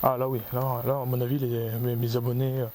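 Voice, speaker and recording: A man's voice: medium pitch, monotone, a little fast, darkish tone, a little hiss or hum. A man hosting a paranormal investigation outdoors in a forest, rambling as he explains his gear. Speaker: paranormal investigator, channel host. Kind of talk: casual on-location commentary.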